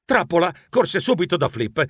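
A man narrating a children's story in an animated, playful way. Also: a little high, normal speed, slightly rough, no room sound, clean studio sound. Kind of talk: audiobook narration.

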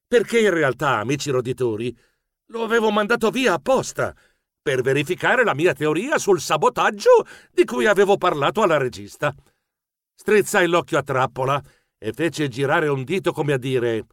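Lively man reading a children's story. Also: on the high side, dry recording, clean studio sound. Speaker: audiobook narrator. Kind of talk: scripted storybook narration.

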